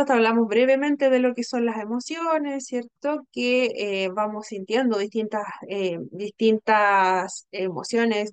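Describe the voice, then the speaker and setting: A woman's voice: fairly high pitch, clean tone, no echo. A young adult woman, teaching a training class and explaining patiently, often checking in with her listeners. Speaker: instructor.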